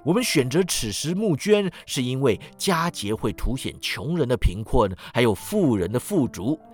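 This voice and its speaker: A man voicing a polite gentleman collecting for charity, who speaks calmly and courteously. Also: medium pitch, moderate pace, faint music behind. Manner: calm, courteous.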